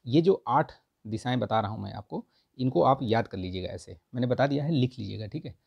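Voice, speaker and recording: A man's voice: mid-range voice, expressive, brisk, vocal fry, breathy edge, lo-fi sound. A man teaching a grammar exam-prep lesson, repeating each answer and checking in often with his students.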